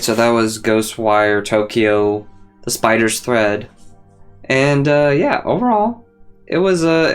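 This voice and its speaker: Guy with a lowish voice doing a chill lets play, rambles and thinks out loud, bit of game music behind him. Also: clean tone. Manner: rambling, thinking aloud in loose asides. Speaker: gaming video host. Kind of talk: casual let's play commentary. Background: faint game music.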